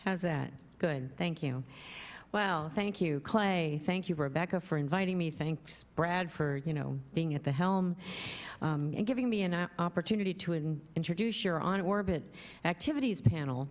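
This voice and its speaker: A woman's voice: on the low side, moderate pace. A woman giving prepared-sounding remarks at a conference in a lecturing manner, with some restarts. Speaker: government policy official, speaker.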